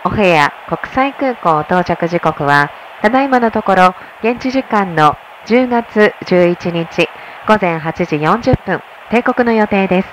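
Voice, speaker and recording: A woman working as a flight attendant makes a formal inflight announcement over the cabin PA. She speaks in a polite, measured way from inside an airplane cabin. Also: mid-range voice, slight background noise, poor audio.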